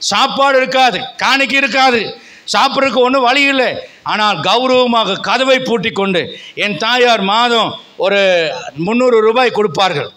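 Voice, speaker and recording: A man's voice: extremely high pitch, moderate pace, sharp tone. A middle-aged male pastor preaching a fervent sermon in a church, with repeated calls and rising emphasis. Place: church sanctuary.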